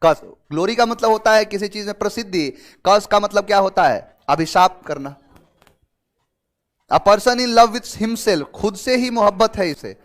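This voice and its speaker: A man's voice: high-pitched, unhurried. A man teaching English vocabulary to students, explaining in Hindi mixed with English terms and asking them questions. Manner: lively and talkative, gives everyday examples. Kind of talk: online exam-prep class.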